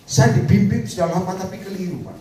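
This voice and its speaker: A man's voice: sits high, fairly quick. A man preaching a sermon to a congregation, calling out for responses. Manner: animated, calls out to the congregation for responses. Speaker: evangelist preacher. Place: church prayer meeting hall. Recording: echoey hall, distant mic, faint noise.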